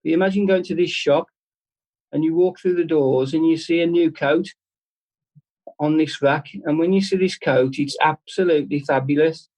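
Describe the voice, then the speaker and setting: A man giving an informal devotional talk at a church service, speaking earnestly and conversationally with halting restarts. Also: on the high side, a little mellow, poor audio.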